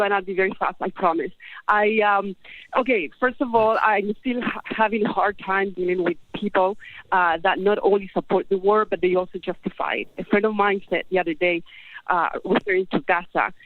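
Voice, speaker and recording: A woman's voice: mid-range voice, brisk, no echo. A woman in her fifties from Chile calling into a talk show, speaking hesitantly with many restarts and fillers. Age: 50s. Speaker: caller. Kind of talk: phone-in call. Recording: tinny, dry phone line.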